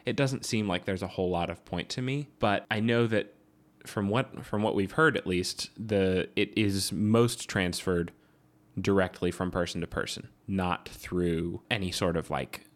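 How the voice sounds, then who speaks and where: Male podcast co-host, lowish voice, measured, wry, thoughtful, casual talk. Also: fairly even intonation.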